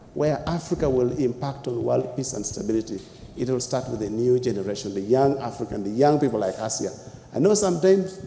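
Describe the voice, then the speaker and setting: A young man delivers an impassioned panel talk, piling up repeated phrases for emphasis. His voice is dark and gravelly, with a long hall reverb around it. He speaks through a lapel mic in a lecture hall. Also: mid-range voice. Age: young adult. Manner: emphatic, repetitive rhetorical phrasing with gestures.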